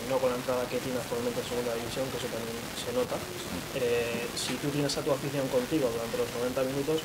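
Fast-talking sports journalist man. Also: mid-range voice, very noisy. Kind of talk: casual panel discussion. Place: restaurant dining room, indoors.

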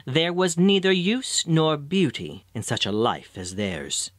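Storybook elder god: deep, kindly, grand, a man reading. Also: big pitch swings, measured pace, a bit bright, no room sound, clean studio sound. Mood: solemn. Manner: solemn, kindly. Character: grand, mild elder male traveler god.

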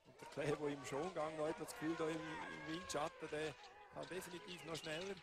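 A man's voice: fairly high pitch, flat delivery, a little fast, heavy background noise. A man giving casual, explanatory expert analysis of a ski race. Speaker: expert co-commentator.

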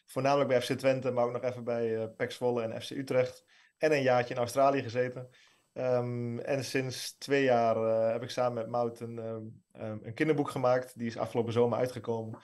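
Man in his thirties, relaxed guest. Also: mid-range voice, brisk. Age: 30s. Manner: relaxed, frequent hesitations. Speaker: guest, former pro footballer. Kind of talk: interview answers and reading aloud.

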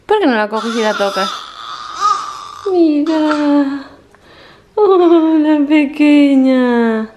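Brief: woman, home vlogger, lively high-pitched baby talk, phone recording, faint hiss. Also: slow pace, long pauses. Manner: gushing baby talk to pets and child. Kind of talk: casual home vlog. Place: home living room.

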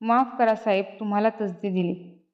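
A woman's voice: mid-range voice, moderate pace, close to an everyday voice. A woman reading the part of a nervous older man who hurriedly denies things and keeps apologising, on a dull lo-fi recording. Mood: nervous apology. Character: flustered older man, a householder.

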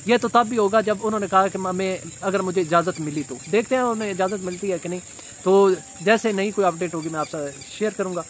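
A man in his thirties giving a casual commentary vlog outdoors beside a brick wall, recorded on a phone camera, pausing often with fillers. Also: high voice, a little hiss or hum. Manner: hesitant, many filler pauses. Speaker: vlogger. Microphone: phone camera at arm's length.

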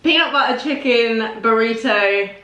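A woman's voice: on the high side, moderate pace, fairly bright tone, lo-fi sound. A woman hosting a food challenge vlog, talking in an upbeat, enthusiastic, casual way. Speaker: channel host. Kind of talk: casual chat on camera. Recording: echoey room, faint music.

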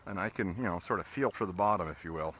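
He talks fast in a low voice, with slight background noise around him. A fly fishing instructor on a river, he fishes from a boat while giving relaxed, casual instruction, explaining each casting step as he goes.

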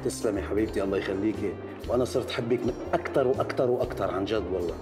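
A man's voice: lowish voice, racing, natural voice. A man in a dubbed TV drama, speaking in a reassuring way. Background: music score.

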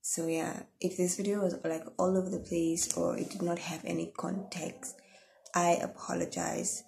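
A tired young woman from Namibia chatting to camera at the end of her vlog. Her voice is low-pitched and gravelly, with a mellow, dark tone. She rambles softly, with plenty of ums and yeahs. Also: flat delivery, moderate pace, slight background noise. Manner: soft, rambling sign-off with many fillers. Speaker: vlogger. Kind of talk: casual chat to camera.

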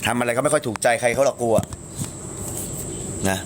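A man chatting casually on a live stream, crude and talkative, jumping to a higher voice when he quotes others. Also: normal speed, noisy background.

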